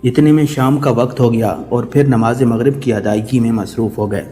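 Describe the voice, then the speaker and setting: A man's voice: mid-range voice, fairly even intonation, mellow, long reverb tail, soft background music. A man telling a mournful religious story in solemn, scripted narration.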